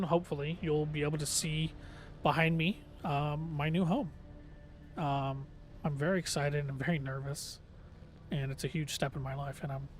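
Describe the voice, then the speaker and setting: Higher-voiced man, reedy and a little worn. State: slightly strained, tired voice from long talking. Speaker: game livestreamer, host. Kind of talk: casual livestream chat.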